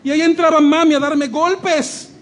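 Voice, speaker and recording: High-voiced preacher. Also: male voice, moderate pace, slight background noise. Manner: animated preaching, acting out quoted voices, shifting between hushed and shouted. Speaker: pastor. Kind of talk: sermon.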